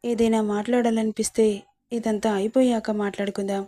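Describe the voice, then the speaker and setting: A woman voicing a shy, hurt young bride who begs softly in a storybook reading. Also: a little high, level tone, brisk, close to an everyday voice. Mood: hurt pleading.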